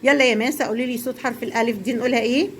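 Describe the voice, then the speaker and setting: This young woman teaches small children in an encouraging way, quizzing and praising them and explaining to parents, all with an Egyptian Arabic accent. Her voice is a little high and steady in tone, she races along, and a faint hiss or hum is audible.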